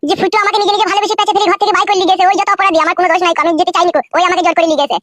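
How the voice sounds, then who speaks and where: A woman's voice: extremely high pitch, fairly even intonation, fairly bright tone. A woman voicing a poor young village husband who argues and pleads in a comic cartoon. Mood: accusing. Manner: rapid, pleading and quarrelsome. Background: light music.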